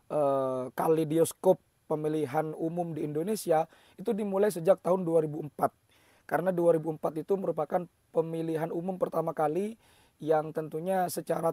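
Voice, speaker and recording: A slightly hoarse man hosting an explanatory commentary, talking in a measured way with frequent hesitation fillers. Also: fairly high pitch, warm tone, dry recording. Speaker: host.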